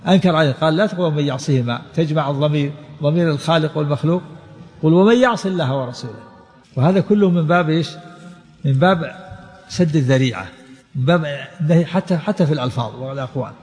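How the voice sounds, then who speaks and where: A man's voice: fairly high pitch, darkish tone, in a large hall. A man giving a religious lesson, explaining a book's text by repeating quotes and working through examples. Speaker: Islamic scholar teaching a text.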